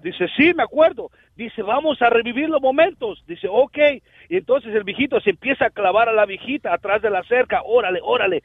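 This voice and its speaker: A man's voice: extremely high pitch, breathy edge, no room sound, pitched above the performer's own voice, full character voice. A man voicing a crude male caller named Nacho, who tells dirty jokes on a morning radio show. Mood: joking. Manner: brash, vulgar, drawn-out greetings. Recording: tinny phone line, dry.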